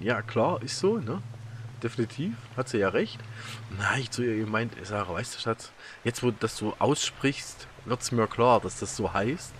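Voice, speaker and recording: A gaming YouTuber with a German accent gives casual let's-play commentary, rambling and telling stories with plenty of fillers and laughs. His mid-range voice is a bit bright, with a little hiss or hum.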